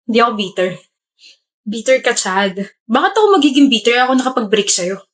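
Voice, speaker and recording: A woman with a somewhat high voice delivering sarcastic, needling lines in a short drama. She has a sharp tongue and quick comebacks. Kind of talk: Filipino short drama dialogue.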